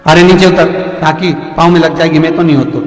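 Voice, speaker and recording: A man's voice: fairly high pitch, steady tone, fast talker, lightly acted. A mischievous young boy answers back with teasing cheek, voiced by a man telling the tale. The voice echoes in a roomy hall. Faint music plays behind.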